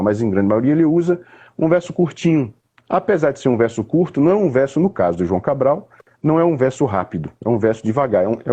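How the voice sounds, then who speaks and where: Homem brasileiro de voz suave e rouca, didático. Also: male voice, mid-range voice, warm tone, husky. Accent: Brazilian. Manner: didactic, unhurried, with frequent restarts and "né?" tags. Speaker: poet explaining literature. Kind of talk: casual conversation.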